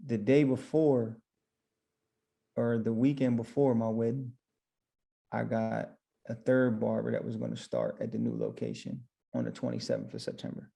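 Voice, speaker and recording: Gravelly-voiced man telling his story. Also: mid-range voice, dark tone. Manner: rambling, retells his own thoughts as quotes. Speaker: podcast guest, barber and shop owner. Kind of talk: casual storytelling interview.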